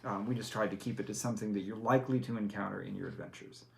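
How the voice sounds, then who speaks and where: Talking fast in a lowish, creaky voice, a man explains the rules of tabletop character creation to a player. As game master he stays patient, though he fills his steps with fillers and corrects himself often.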